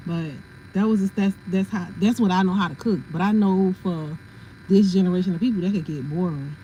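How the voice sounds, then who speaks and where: A woman's voice: on the low side, fairly quick, mellow, a little hiss or hum, low-quality recording. A woman hosting a casual livestream, chatting and laughing as she answers viewers' comments. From family from South Carolina. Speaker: livestream host.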